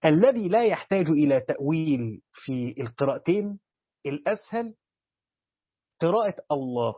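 A man's voice: fairly high pitch, sing-song, moderate pace, slightly rough, dry recording. A man with an Egyptian accent teaching Quran commentary in a colloquial lecture, posing questions and answering them himself. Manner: explanatory, asks and answers his own questions. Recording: dull, dry lo-fi recording.

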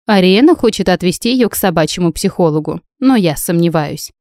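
A woman's voice: fairly low pitch, animated, brisk, darkish tone, no echo, close to an everyday voice. A woman voicing an older witch and grandmother with a dry, snorting manner in an audiobook. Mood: calm.

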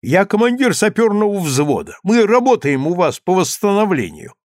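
A man voicing a brisk, eager young army lieutenant in an audiobook story. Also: sits high, big pitch swings, darkish tone, dry recording, clean studio sound, voice pushed up.

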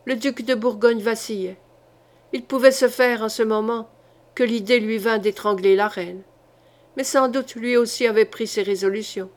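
A woman reading a historical novel aloud as an audiobook, in a measured, dramatic storytelling manner. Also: a little high, fairly even intonation. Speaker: audiobook reader. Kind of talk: literary audiobook narration.

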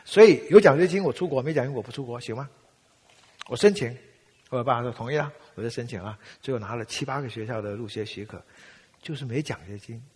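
A man, telling a personal story in a church talk and acting out family dialogue with a husky voice. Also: mid-range voice, fairly even intonation, quick pace. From Taiwan. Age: 70s. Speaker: speaker giving a testimony. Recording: long reverb of a large hall.

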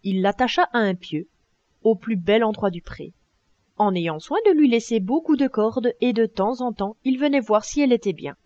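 A woman's voice: fairly high pitch, moderate pace, dry recording, dull audio. Woman reading a storybook aloud. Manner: expressive storytelling with many exclamations. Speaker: audiobook narrator.

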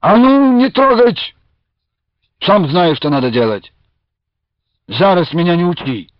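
A man's voice: a little high, animated, measured pace, no echo, pitched above the performer's own voice. A man reading aloud and voicing a proud Cossack veteran with a firm, fervent tenor, in a dull lo-fi radio recording. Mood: irritated.

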